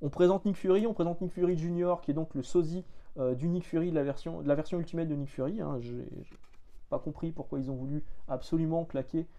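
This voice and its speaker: A man's voice: on the high side, steady tone, fast, dark tone. A man giving a casual spoken review of comics, hesitant and filled with filler sounds, frank and blunt with slang.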